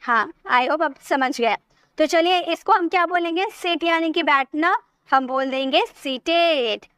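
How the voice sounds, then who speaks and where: A woman with a high, bright-pitched voice teaches a grammar lesson, taking each rule slowly and checking in with her students as she goes. Her voice is recorded close to the mic in a dry room with almost no echo. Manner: patient, explains step by step and asks questions to check understanding. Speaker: English teacher. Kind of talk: spoken English lesson.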